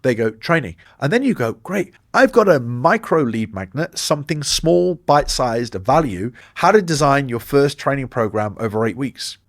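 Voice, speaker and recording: A man coaching fitness coaches, talking straight to the listener in a direct, energetic way and acting out sample direct messages in quick asides. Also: mid-range voice, no echo, clean studio sound. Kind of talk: instructional talk to camera.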